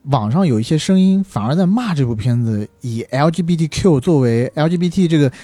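Male, mellow relaxed tone, animated pitch swings, casual commentator who thinks aloud and repeats himself. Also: brisk, dry recording. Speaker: film industry commentator. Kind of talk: casual discussion.

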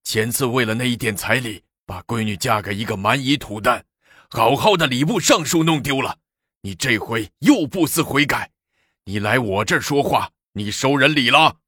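A wrathful grand minister barks scorn, his husky voice lurching from low mutters to sharp outbursts. The male storyteller's delivery is dry and close. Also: expressive, moderate pace, no room sound. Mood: scolding. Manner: scolding, imperious.

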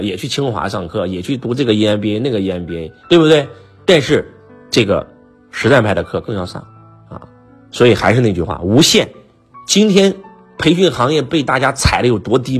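A man's voice: on the low side, slightly rough. A man giving a motivational lecture as a business trainer, speaking with emphasis, firing off rhetorical questions and often asking the listeners "right?".

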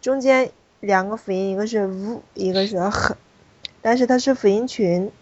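A woman's voice: medium pitch, normal speed, noisy background. Woman teacher walking a class thru syllable rules, repeats stuff, kinda dull classroom audio. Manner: explanatory, repeats key points, calls on students. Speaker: French teacher.

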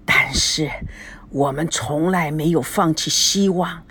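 A grieving old man, put on by a woman reading a novel aloud, talks low and slow in a husky, breathy voice. He coaxes and pleads with his long-lost brother. Storybook narration. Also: a bit bright, heavily acted. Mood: coaxing.

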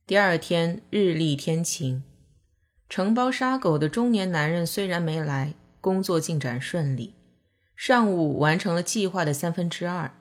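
A woman narrating a novel as an audiobook, in calm, measured storytelling. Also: fairly low pitch.

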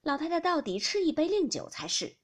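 A woman's voice: sits high, big pitch swings, a little fast, pitched above the performer's own voice. A woman voicing a genteel middle-aged aunt in a storybook reading, speaking in a modest, polite way. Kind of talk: audiobook character reading.

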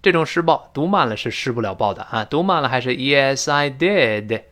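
A male English teacher giving a spoken-English lesson, switching between chatty explanation and slow, stretched-out demonstrations of how words are pronounced. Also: medium pitch. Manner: animated, drawn-out demonstrations of pronunciation; chatty, classroom storytelling tone.

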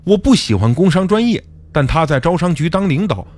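A man's voice: a little high, very animated, brisk, a little mellow, pitched above the performer's own voice. A man voicing a desperate young male student under family pressure, pleading and worn out, in an audiobook.

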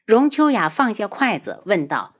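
A woman narrating a novel audiobook in a smooth, even storytelling manner. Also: mid-range voice, moderate pace. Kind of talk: scripted narration.

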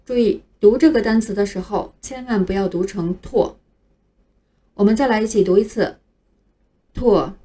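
A woman with a warm, mid-range voice leads a scripted phonics lesson on English pronunciation. She works slowly and carefully, spelling out each word letter by letter.

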